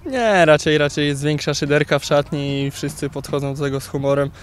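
A young footballer in his twenties answering interview questions outdoors beside a pitch, halting with many repeated words. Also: steady tone. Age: 20s. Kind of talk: post-training interview. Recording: faint outdoor noise.

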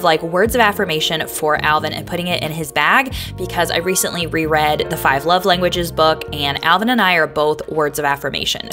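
Woman vlogger, upbeat and chatty, slightly low pitch, narrating over faint music. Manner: chatty, upbeat, uses many fillers. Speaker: lunch prep vlogger.

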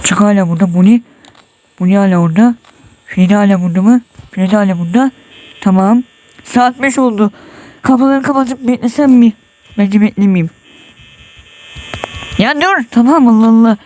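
A man's voice: high-pitched, normal speed, long pauses, a little mellow, slight background noise. A nervous man commenting on his horror game run, muttering prayers and yelping when startled. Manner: tense, jumpy, muttering prayers and exclamations. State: sweating, nervous. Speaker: gamer.

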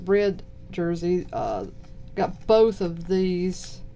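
A woman with a Southern US accent giving low-key, mumbled casual commentary while unboxing cards. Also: very animated, extremely slow, vocal fry, dark tone, a little hiss or hum. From southern United States. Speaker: card box-break host. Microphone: purchased microphone.

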